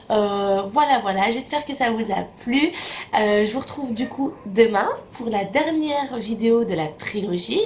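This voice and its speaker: A woman's voice: a little high, slight background noise. A young woman from Morocco chatting casually through a beauty product review, full of fillers and repeated words. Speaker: beauty vlogger.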